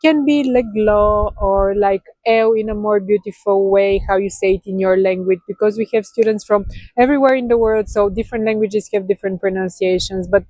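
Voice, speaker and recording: A woman's voice: mid-range voice, darkish tone, dry recording, rough recording. A woman from Bulgaria with a Bulgarian accent, teaching her language in English in an earnest explanatory style, often rephrasing and demonstrating sounds. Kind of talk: explanatory video lesson.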